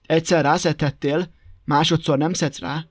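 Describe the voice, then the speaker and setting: A man voicing a gruff, vengeful wolf who growls his threats in a blustering way in a storybook tale. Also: on the high side, steady tone, no echo, studio quality, natural voice.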